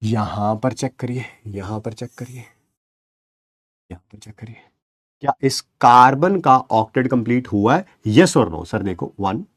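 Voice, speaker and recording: A man's voice: medium pitch, animated, unhurried. A man teaching chemistry in an online class, encouraging his students, counting aloud and answering his own questions as if he were a student, with English words mixed in. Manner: counts aloud while pointing at the board.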